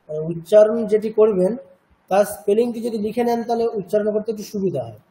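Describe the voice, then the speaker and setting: A dark-toned voice that sits high, recorded at low quality, belongs to a man patiently teaching Sanskrit chanting in a cultural centre classroom. He explains pronunciation rules, keeps checking that students are following, and slowly demonstrates each chanted syllable.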